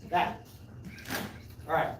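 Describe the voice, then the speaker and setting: A woman performing a live mind reading act, with playful, self-deprecating, off-the-cuff patter for her audience. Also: drawn-out words. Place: live performance venue, indoors. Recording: echoey live venue, distant mic, faint noise.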